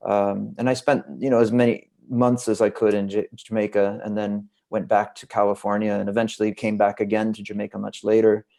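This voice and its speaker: Give me an American man from Los Angeles, speaking as the guest in a casual interview. His voice sits on the low side, and he tells his story at length in a reflective, wandering way. He is heard over a video call. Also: little pitch movement, a little fast, vocal fry, hardly any pauses, warm tone. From Los Angeles, United States. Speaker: guest author.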